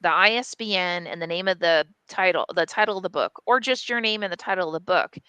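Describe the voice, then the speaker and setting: A woman editor at a small press, telling a story in casual podcast chat, animated, frank and sprinkled with fillers and swearing. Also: lowish voice, fast talker, clear, resonant tone, no room sound, lo-fi sound.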